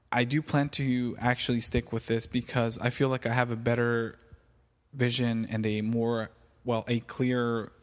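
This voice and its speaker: A man's voice: mid-range voice, in a large hall. A man from California hosting a solo podcast, talking casually with many fillers and restarts. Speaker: podcast host.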